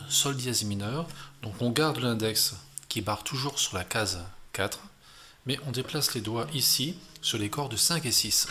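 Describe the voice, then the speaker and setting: A man with a French accent teaching a beginner guitar lesson, explaining chords step by step and counting beats aloud. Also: mid-range voice.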